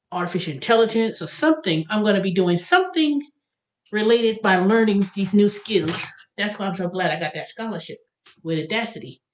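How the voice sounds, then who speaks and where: Her voice sits lowish, and the audio has its highs cut off. She's an American woman in her early fifties hosting a livestream, chatting in a casual, rambling way, thinking out loud and correcting and repeating herself as she goes.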